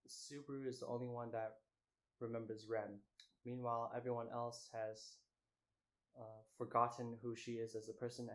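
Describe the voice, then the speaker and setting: A young man with an average-pitched voice that stays fairly flat. He chats casually like a food vlogger, stopping and restarting as he finds his words. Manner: halting, trailing off and restarting. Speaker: mukbang vlogger. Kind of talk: casual chat to camera.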